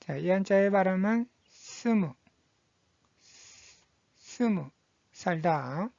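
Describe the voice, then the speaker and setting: Woman, language teacher, very slow deliberate drill, lowish voice, dry dull recording. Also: a little mellow, no echo. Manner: repeats each reading slowly twice, patient and methodical. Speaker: Japanese teacher.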